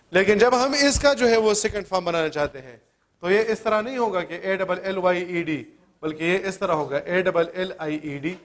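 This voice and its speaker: A man teaching an English spelling lesson, asking the class questions and answering them himself, spelling words out letter by letter. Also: sits high.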